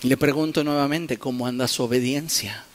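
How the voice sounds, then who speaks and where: A man's voice: medium pitch, moderate pace, slight background noise. A man preaching a sermon, pressing his listeners with rhetorical questions and acting out little dialogues. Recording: long hall reverb.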